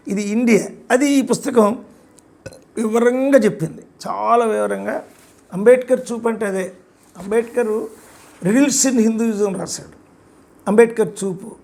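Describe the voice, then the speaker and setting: A man's voice: high voice, gravelly, darkish tone. An older man giving an emphatic, repetitive spoken lecture about his own book. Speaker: author discussing his book.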